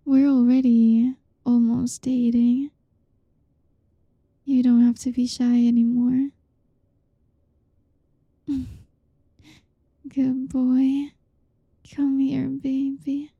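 A young woman in an intimate whispered roleplay, softly teasing and coaxing with a breathy voice, close to the mic. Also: high voice, little pitch movement, takes it slowly, no room sound, dull audio. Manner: teasing, coaxing, soft-spoken. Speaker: audio roleplay performer.

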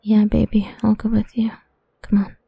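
A young woman whispering softly and teasingly in an intimate audio roleplay, humming between lines, close to the mic. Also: medium pitch, monotone, moderate pace, vocal fry, breathy edge, no echo, highs cut off. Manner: soft teasing whisper, murmured hums.

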